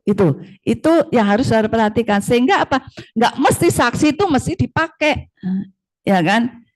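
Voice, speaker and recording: A woman's voice: a little high, moderate pace. A middle-aged woman giving a conversational law lecture, often checking in with her students. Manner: lively, conversational, frequent tag questions. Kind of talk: classroom lecture.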